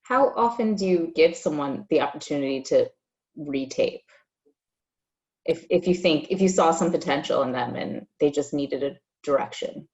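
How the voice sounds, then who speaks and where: A woman's voice: sits low, expressive, moderate pace, darkish tone, highs cut off. A woman interviewing a guest, asking short questions and giving brief replies. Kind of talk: casual interview.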